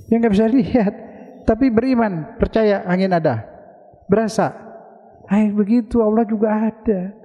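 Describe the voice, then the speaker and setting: High-voiced man preaching in a reverberant mosque. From Indonesia. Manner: conversational, asks listeners questions and answers them himself. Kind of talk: sermon. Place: large mosque hall. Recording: dull lo-fi recording with long hall reverb.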